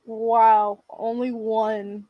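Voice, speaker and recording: A woman's voice: a little high, flat delivery, drawn-out words, lo-fi sound, a crowd in the background. A woman hosting a bingo game like a nursing home activity host, chatting to players by name and reading out their comments.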